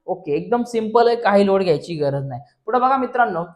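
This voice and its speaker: A man with a fairly high voice and a Marathi accent walks students through an exam paper. He keeps asking questions back and answering them himself in a patient classroom way. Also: expressive, a little fast. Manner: repeats questions back, addresses friends. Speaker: teacher.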